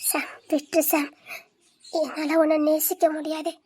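Woman doing earnest teary young woman, super high voice, audio drama. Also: level tone, measured pace, a little mellow. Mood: firm. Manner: tearful, earnest. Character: young woman refusing a friend's love.

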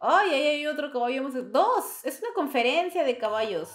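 Excitable high-voiced woman gamer. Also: fairly quick, a little hiss or hum. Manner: excitable, shrieks and laughs at the game. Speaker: gaming YouTuber. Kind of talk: let's play commentary. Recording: echoey room, faint game music. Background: game music.

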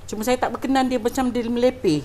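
A middle-aged woman with a Malaysian accent, hosting a casual cooking demonstration, chatty and quick to laugh, slipping English into her speech. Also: on the high side, fairly even intonation, crowd noise. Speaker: chef and cooking show host.

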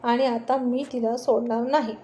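A woman's voice: fairly high pitch, little pitch movement, moderate pace, mellow, a little hiss or hum. A woman narrating a family story expressively, as a storyteller.

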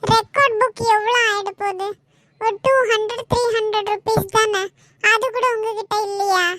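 A woman's voice: very high voice, steady tone, normal speed, a bit bright, dry recording, studio quality. A stubborn little cartoon schoolgirl. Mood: pleading. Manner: pleading and whiny, crying for her father. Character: young schoolgirl, stubborn and demanding. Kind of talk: cartoon voice acting.

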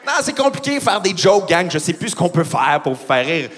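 Fast, brash Québécois comedian. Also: male voice, high-pitched, big pitch swings, fairly bright tone, faint music behind, some chatter behind. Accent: Québécois French. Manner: brash, profane, teasing the audience. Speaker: stand-up comedian. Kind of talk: stand-up comedy routine. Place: large theatre stage before a live audience.

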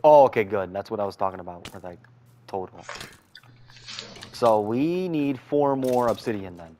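A man's voice: on the low side, lively intonation, dark tone, slight background noise. Bantering young guy gaming with friends. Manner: bantering, quick to laugh. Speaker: gamer. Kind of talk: casual gaming chat with friends.

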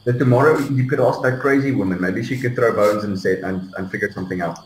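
A man's voice: on the low side, fast, echoey room, a little hiss or hum, rough recording. A man playing in a tabletop game, thinking aloud about what things could mean. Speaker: player. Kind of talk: tabletop role-play as a player.

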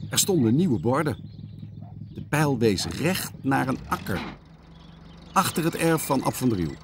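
Lively male cartoon narrator. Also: mid-range voice, a little slow, vocal fry, noisy background. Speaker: storyteller narrating and voicing all characters. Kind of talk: storybook narration with character voices.

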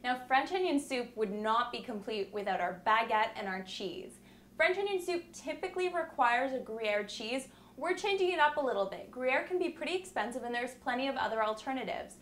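Upbeat lady cooking show host, kinda high voice, echoey kitchen, bit of hiss. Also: animated, fairly quick, fairly bright tone. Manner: upbeat, instructional. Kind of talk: scripted cooking demonstration. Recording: echoey room, faint background noise.

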